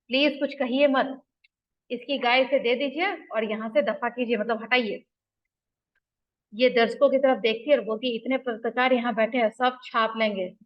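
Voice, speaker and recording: A woman's voice: a little high, steady tone, normal speed, dull audio. A woman retelling and explaining a drama scene for students, moving between quoted dialogue and plain explanation. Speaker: teacher explaining a play.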